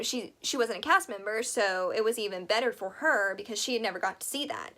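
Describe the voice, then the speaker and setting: A woman's voice: medium pitch, fairly bright tone. A young woman hosting a casual advice vlog, chatty and enthusiastic, rambling into asides, her voice a bit worn as she says she is losing it. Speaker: vlog host.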